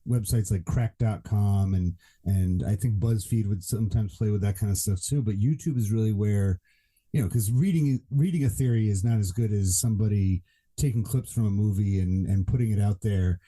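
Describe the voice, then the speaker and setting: A man with a low, very mellow and dark voice co-hosts a podcast. He talks in a loose, rambling way, full of "you know" and restarts as he works through his points. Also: moderate pace. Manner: rambling, many fillers and restarts. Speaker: podcast co-host. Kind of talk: casual podcast chat.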